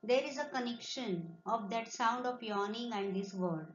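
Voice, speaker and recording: A woman's voice: a little high, moderate pace, slight background noise. A woman teacher with an Indian accent giving an online lesson, explaining in English and Marathi and imitating animal sounds. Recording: roomy, muffled lo-fi sound.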